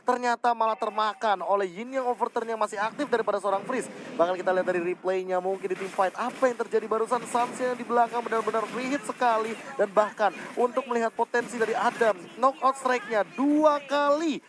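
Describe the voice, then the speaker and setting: A man's voice: extremely high pitch, steady tone, fairly quick, few pauses. A man with an Indonesian accent giving live game analysis as an esports commentator. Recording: noisy live game broadcast.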